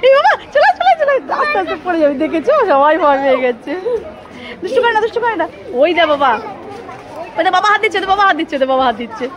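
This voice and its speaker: A woman's voice: extremely high pitch, animated, very fast. A woman vlogging as a mother at an outdoor cowshed, coaxing and warning her child and repeating words over and over. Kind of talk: casual vlog narration and talking to a child. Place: outdoor cowshed with people around. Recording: busy outdoor crowd noise.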